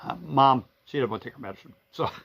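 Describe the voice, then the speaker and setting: A middle-aged man who owns a sewing and vacuum shop chats folksily on a live stream, full of fillers and restarts. His medium-pitched voice is fast, creaky and fairly bright, heard through dull lo-fi stream audio with slight background noise.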